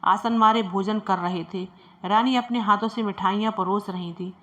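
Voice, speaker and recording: A woman storyteller reading a classic short story aloud in steady storybook narration. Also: medium pitch, moderate pace, dull audio.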